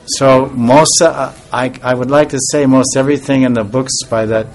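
Speaking as a spiritual teacher, a man gives an informal devotional talk in a soft, rambling way, pausing and starting over. His pitch is medium and his tone steady, with faint music in the background.

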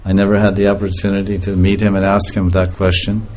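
Speaking fast in a low voice, this man gives a group an informal spiritual talk. He laughs a lot as he tells his stories with animation.

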